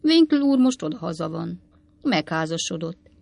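A woman's voice: fairly low pitch, very animated, gravelly, darkish tone, no echo, full character voice. A woman doing a cheeky young manservant. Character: cheeky, quick-witted young male manservant.

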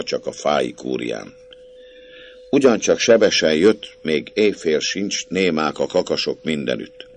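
A man reading a story aloud in measured audiobook narration. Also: low-pitched, darkish tone, slight background noise.

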